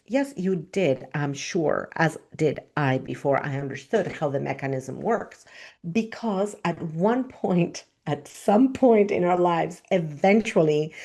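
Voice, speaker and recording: Low-voiced woman. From Argentina. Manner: expressive, emphatic storytelling. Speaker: spiritual teacher. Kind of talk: personal storytelling talk.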